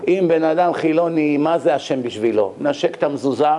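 High-voiced man telling a sermon story. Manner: animated storyteller who acts out the voices of the people in his stories.

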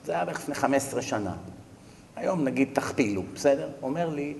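A man, a rabbi giving a religious lecture, telling a story with lively acted-out dialogue. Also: medium pitch, creaky, slight background noise. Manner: animated storyteller who acts out dialogue. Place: lecture hall. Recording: echoey hall with faint ambience.

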